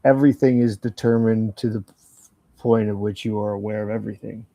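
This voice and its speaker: A man's voice: on the low side, fairly even intonation, a little fast, gravelly, dark tone, no room sound, muffled recording. An older man co-hosting a casual podcast, rambling through stories and ideas, swearing freely and acting out both sides of a conversation. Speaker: podcast co-host. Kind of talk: casual chat.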